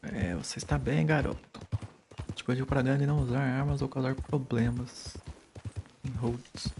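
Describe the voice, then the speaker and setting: A man's voice: medium pitch, fairly even intonation, normal speed, darkish tone, slight background noise. A man with a Brazilian Portuguese accent giving casual commentary as he streams a game live.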